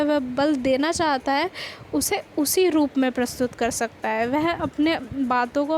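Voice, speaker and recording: High-voiced woman teaching a grammar lesson. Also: slight background noise, low-quality recording. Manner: explanatory, repeats questions to students.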